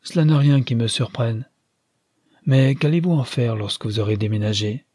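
A man reading aloud, voicing a composed, commanding old grandmother who gives counsel in a measured way. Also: medium pitch, mellow, slightly rough, no room sound, studio quality, close to an everyday voice. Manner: measured, authoritative.

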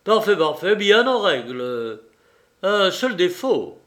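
A man voicing a cool, ironic gentleman hero. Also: sits high, very animated, takes it slowly, voice pushed up, heavily acted. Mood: ironic command. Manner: firm, sardonic, raised voice. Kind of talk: audiobook reading.

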